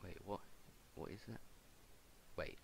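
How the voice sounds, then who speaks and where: A man's voice: unhurried, a little hiss or hum. A man giving casual let's-play commentary as host, thinking aloud with hesitant restarts. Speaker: gaming video host.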